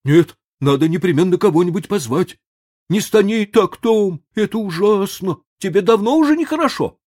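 A raised, anxious boy's voice, done by a reader, urgent and worried, his pitch climbing as he begs for an answer. The delivery has lively, jumpy swings, like a storybook scene read with feeling. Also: takes it slowly, husky, exaggerated voice. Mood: alarmed. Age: child. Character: frightened younger brother, anxious boy.

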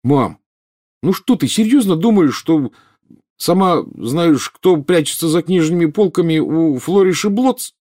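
A man's voice: fairly low pitch, normal speed, husky. A man voicing a cheeky, joking teenage wizard boy. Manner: cheeky, lively.

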